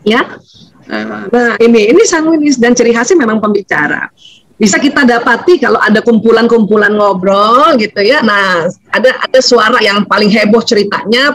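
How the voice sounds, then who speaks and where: A middle-aged woman giving a lively seminar talk on family life, chatty and laughing often. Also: fairly high pitch, moderate pace, no room sound, low-quality recording. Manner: animated, chatty, laughs often, acts out quotes. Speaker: seminar speaker on family relationships.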